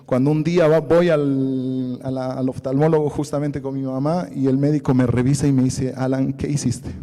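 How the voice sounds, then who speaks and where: A man's voice: mid-range voice, warm tone. A man in his thirties, from Bolivia, preaching a sermon and telling his own story, quoting family members in his own voice. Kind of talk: sermon testimony. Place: church hall. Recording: echoey church hall.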